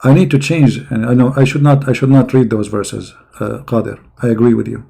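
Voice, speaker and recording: Man, online commentator, gravelly and dark, sarcastic and mocking, voice going hoarse. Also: medium pitch, fairly even intonation, brisk. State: losing his voice.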